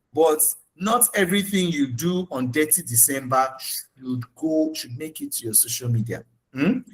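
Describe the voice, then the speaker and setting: A man with a Nigerian English accent gives career advice in coaching talk on a webinar, speaking emphatically and often checking in with "okay?" and "right?". His voice is a little high, and the recording quality is low.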